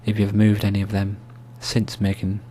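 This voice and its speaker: A soft-spoken man giving an ASMR-style screen tutorial, explaining steps in a hushed, unhurried, informal way. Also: fairly low pitch, completely flat delivery. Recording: faint hum and background noise.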